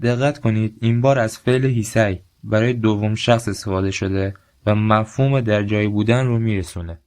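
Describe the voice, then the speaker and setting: A man teaching a recorded language lesson, explaining grammar and saying short phrases slowly for learners to repeat. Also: fairly low pitch, fairly even intonation, a little mellow. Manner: slow, deliberate drill phrases.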